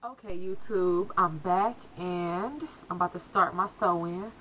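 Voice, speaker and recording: With a fairly low voice and a measured pace, a young woman who has a slight cold casually explains a hairstyle to her viewers, whom she calls "guys." She's in a small room by a folding screen. The lo-fi audio sounds dull and carries a little hiss or hum beneath the background music.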